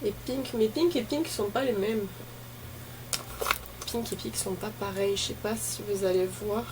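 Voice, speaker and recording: A woman chats informally in the manner of a beauty vlogger, thinking aloud and wandering from one remark to the next. Her pitch is average for a woman. The recording carries clear ambient noise behind her. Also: a little slow. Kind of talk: casual chat while opening advent calendars.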